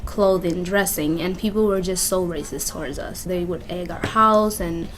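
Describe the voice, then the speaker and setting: A woman's voice: on the low side, moderate pace, a bit bright, a little hiss or hum. A young woman from Kenya, talking earnestly and reflectively in a casual interview at a community center. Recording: music playing under the voice.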